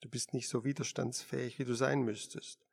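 A man reading an unyielding machine intelligence in an audiobook, speaking in a measured, quietly firm way. The voice carries a gravelly fry. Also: medium pitch, flat delivery. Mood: calm.

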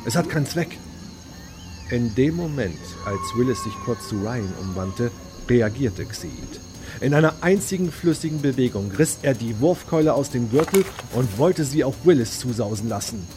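A man narrating a science fiction story in a measured, dramatic way. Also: medium pitch, expressive. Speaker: audiobook narrator. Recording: read over loud background music.

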